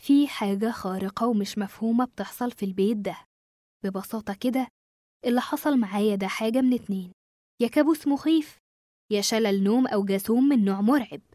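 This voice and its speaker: Egyptian woman reading a scary story, hushed and tense, bit high voice, dry sound. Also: quick pace, dry recording. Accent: Egyptian Arabic. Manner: hushed and suspenseful. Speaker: story narrator. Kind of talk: scripted horror narration.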